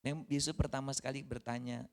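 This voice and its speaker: A preacher giving a conversational sermon, lively and acting out the dialogue. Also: mid-range voice, a little fast.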